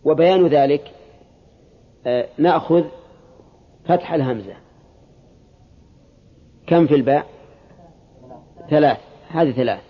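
A man's voice: on the high side, measured pace, pauses often, dull audio. A man teaching a religious classroom lesson, explaining step by step and asking his students short questions.

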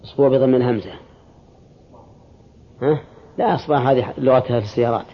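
A man's voice: medium pitch, fast talker, slightly rough, lo-fi sound. A man teaching a religious classroom lesson, explaining step by step and asking his students short questions.

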